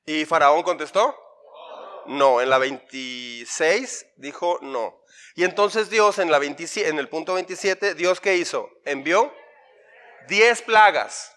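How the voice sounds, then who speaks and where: Bright-voiced pastor drilling his congregation. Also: a little high, slow pace. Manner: playful, drills the audience with repeated lists and questions. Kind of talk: interactive Bible workshop with the congregation. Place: church before a congregation.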